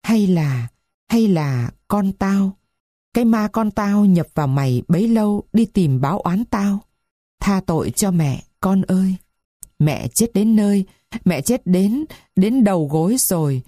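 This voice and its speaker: A woman voicing a dying blind old woman who speaks in a faint, trembling, rasping way. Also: mid-range voice, animated, unhurried, dark tone, no echo, studio quality. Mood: tearful pleading.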